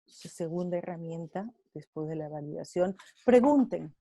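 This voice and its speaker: A woman's voice: on the low side, animated, normal speed, warm tone, dry recording. A woman with a Peruvian Spanish accent speaking as a guest on an online panel, explaining patiently and acting out quoted dialogue.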